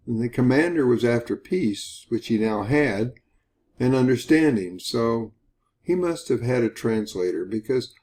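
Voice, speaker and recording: Mellow-voiced man teaching Bible study. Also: medium pitch. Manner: earnest, measured, reads scripture aloud.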